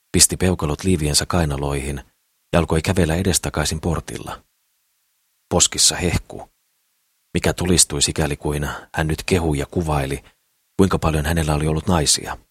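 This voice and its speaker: A man narrating an audiobook novel in a measured, even storytelling manner. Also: rumbling low, breathy edge, dry recording, studio quality. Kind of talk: scripted narration.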